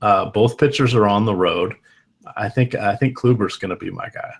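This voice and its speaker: Male co-host, lowish voice, halting and self-correcting, on a web call. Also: gravelly. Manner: hesitant, restarts phrases often. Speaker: co-host analyst. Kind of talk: fantasy baseball analysis chat. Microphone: online call.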